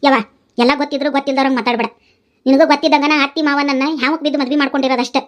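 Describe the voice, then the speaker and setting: A woman voices a pregnant young wife in a cartoon, speaking in a North Karnataka Kannada accent as she defends herself to her mother. Her high, near-everyday voice races along in a flat delivery, sounding defensive, pleading, and explanatory.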